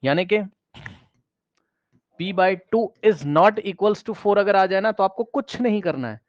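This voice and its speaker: Man, math teacher, high voice, asks the class questions, repeats key words, switches into English for math terms, dull dry recording. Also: expressive, takes it slowly, no echo. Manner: addresses students directly, asks questions, repeats key phrases; mixes English math phrases into Hindi explanation.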